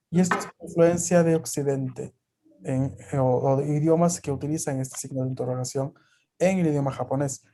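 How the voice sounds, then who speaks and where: Male teacher on a video call, warm mellow tone, patient and explanatory, lots of fillers. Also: a little high. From Peru. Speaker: language teacher. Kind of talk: online class teaching.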